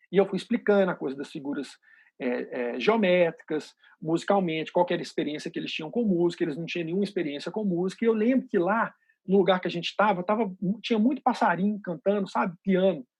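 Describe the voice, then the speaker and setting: A man teaching a rhythm workshop, patiently explaining and counting beats out loud. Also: high-pitched, fast talker, husky. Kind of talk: rhythm lesson.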